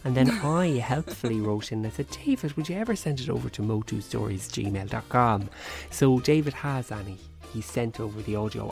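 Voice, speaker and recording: A man's voice: on the low side, vocal fry, darkish tone. A man co-hosting a podcast, reading listener questions in casual comic chat with a teasing, mock-scolding manner.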